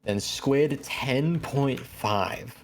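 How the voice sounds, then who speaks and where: A man's voice: mid-range voice, very slow, faint music behind. A man in casual, exclamatory, sweary group banter as the game master of a streamed tabletop game.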